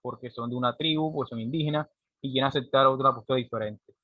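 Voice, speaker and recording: Man, teacher, classroom lecture, bright voice, dry close sound. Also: mid-range voice, fast, no echo. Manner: explanatory, frequent rhetorical "¿cierto?" checks.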